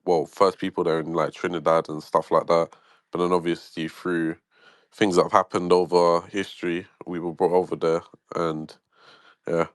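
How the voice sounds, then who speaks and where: Male caller, low-voiced, hesitant and curious. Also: little pitch movement, moderate pace, no echo. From London, England. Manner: hesitant, curious, many fillers. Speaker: caller in an audio chat room. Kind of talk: casual chat.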